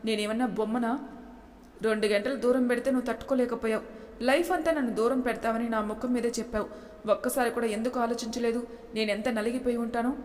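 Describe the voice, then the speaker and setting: A woman's voice: on the high side, fairly even intonation, quick pace, darkish tone, natural voice. A woman voicing a fiery, hurt young wife who scolds and defies her husband in a storybook reading. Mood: angry. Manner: scolding, defiant. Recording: long hall reverb.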